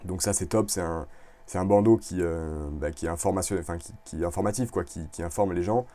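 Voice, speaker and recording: A man talks through a casual screen-recorded review in a low, mellow voice. He is chatty and relaxed, full of fillers and restarts. He speaks close to a desktop mic. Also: brisk, soft background music. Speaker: video creator reviewing clothing brands.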